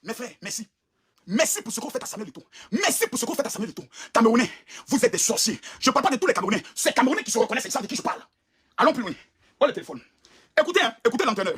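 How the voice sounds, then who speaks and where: A man's voice: extremely high pitch, big pitch swings, rapid-fire, fairly bright tone, breathy edge. A man giving an impassioned, indignant video rant as an online commentator, emphatic and pleading by turns.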